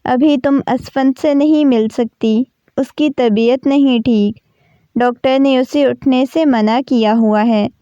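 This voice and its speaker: A woman voicing a gentle, worried mother-in-law who speaks softly and reassuringly in a storybook reading. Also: high-pitched, fairly even intonation, clear, resonant tone, dry recording, lo-fi sound, natural voice. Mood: soothing. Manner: soft, reassuring.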